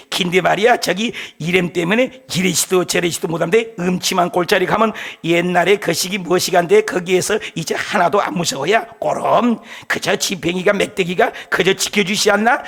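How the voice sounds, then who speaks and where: Brief: man putting on a calm Pyongyang elder-type, dropped low and gravelly, unhurried. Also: full character voice. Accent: Pyongyang dialect. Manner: slow homely musing. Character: plain-spoken Pyongyang man, calm and homely.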